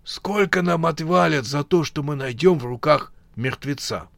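A man doing a cranky old bandit, strained and high. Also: big pitch swings, slow pace, bright, forceful tone, dry recording, heavily acted. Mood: greedy, quarrelsome. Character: elderly male bandit, greedy and quarrelsome.

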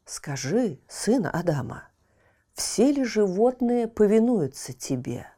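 A woman voicing an old male wizard in a storybook, grave and commanding, with a slow, deliberate delivery. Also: mid-range voice, sing-song, dark tone. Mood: questioning. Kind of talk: storybook character voice.

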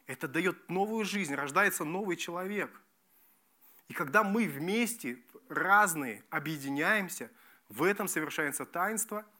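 A man preaching a sermon as pastor, emphatic and lively, repeating key phrases and restarting words. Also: fairly high pitch. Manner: lively, emphatic preaching with repetitions and self-corrections.

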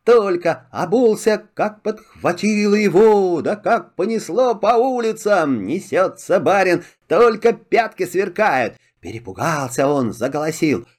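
A man narrating a children's fairy tale in an animated storytelling manner. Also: high-pitched, unhurried, hardly any pauses.

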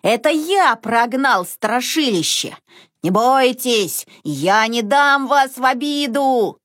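Brief: woman playing a brave, eager little duckling boy, high and bouncy, slow and clear. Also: lively intonation, a bit bright, no room sound, studio quality. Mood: boastful. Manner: eager, boastful.

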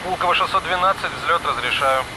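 A man's voice: on the high side, a little fast, close to an everyday voice. A man playing a businesslike air traffic controller in a documentary reenactment, speaking in clipped procedural phrases. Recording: very noisy aviation radio sound.

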